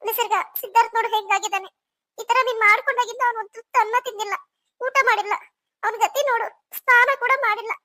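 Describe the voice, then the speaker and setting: A woman's voice: extremely high pitch, steady tone, quick pace, pushed and bright, dry recording. A woman voicing a caring sister-in-law who coaxes and fusses in a cartoon story. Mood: worried. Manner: coaxing, fussing.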